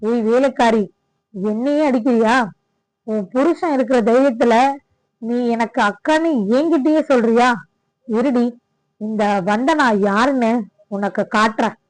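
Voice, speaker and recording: A spoiled young wife bent on revenge, read by a woman storyteller. She sounds bitter and insulting, her voice sits a little high and the sound is close and dry. Audio storybook reading. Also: a little slow, long pauses, dry recording, natural voice, low-quality recording. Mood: spiteful.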